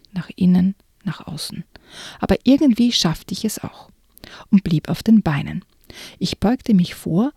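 A woman reading a children's book excerpt aloud in a hushed, often whispered way, then chatting about it. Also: on the low side, vocal fry, slightly rough, dry recording, studio quality. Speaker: reader and co-host.

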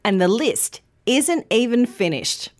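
A woman's voice: on the high side, sing-song, slow pace. A woman teaching an English pronunciation lesson, enunciating each word carefully. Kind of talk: scripted language lesson.

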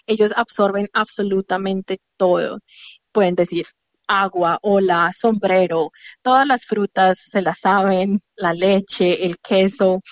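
A woman educator explains how young children learn, thinking aloud and restarting now and then. Her voice is mid-pitched, and the recording is dry and close, with little room sound. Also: dry recording, muffled recording. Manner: thoughtful, explanatory, with fillers and restarts. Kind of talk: conversational interview answers. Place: childcare centre.

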